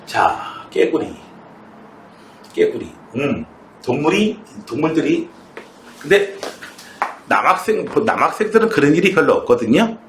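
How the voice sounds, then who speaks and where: A man's voice: a little high, very animated, unhurried, long pauses, slight background noise. A middle-aged man teaching math in a classroom and telling a story, chatty and often asking students questions, recorded from a distance in an echoey room. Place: academy classroom in Seoul.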